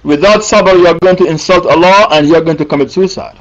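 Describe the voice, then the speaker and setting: A man's voice: sits high, fast talker, muffled recording. A man preaching a sermon, emphatic and repeating his points for the listeners.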